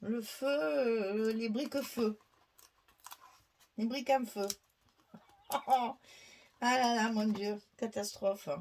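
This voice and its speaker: A woman's voice: fairly high pitch, slow pace, pauses often, a little mellow, a little hiss or hum. A woman chatting her way through a scrapbooking tutorial, thinking aloud, filling gaps with little fillers and laughing at herself. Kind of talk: casual crafting tutorial.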